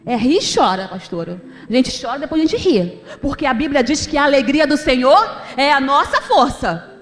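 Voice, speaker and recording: A woman's voice: sits high, lively intonation, moderate pace, in a large hall, faint music behind. A middle-aged woman giving an emotional, conversational church testimony to the congregation. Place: church sanctuary.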